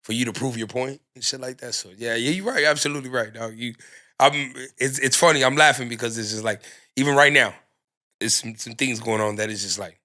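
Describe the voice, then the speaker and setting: Bright-voiced man talking in loose slang. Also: mid-range voice, a little fast. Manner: loose street slang, many fillers and restarts. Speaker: restaurant owner, guest. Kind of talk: candid casual conversation.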